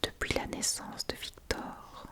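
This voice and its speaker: Hushed library whisper, reading aloud. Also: slow. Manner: soft whisper, library-like hush. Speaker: audiobook-style reader.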